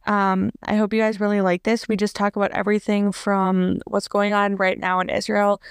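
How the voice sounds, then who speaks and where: A woman's voice: medium pitch, clear, resonant tone, dry recording, studio quality. A woman hosting a podcast, talking in a chatty, loose way with fillers and restarts. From United States. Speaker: podcast host. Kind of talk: casual podcast interview.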